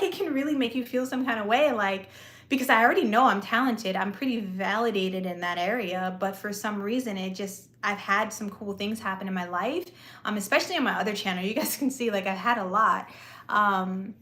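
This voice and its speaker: Talking with viewers on a live stream, this woman, a vlogger hoping to become an actress, is chatty and laid-back, using "like" and "you know" a lot in a soothing way. Her voice is on the high side with a fairly bright tone, and the room echoes.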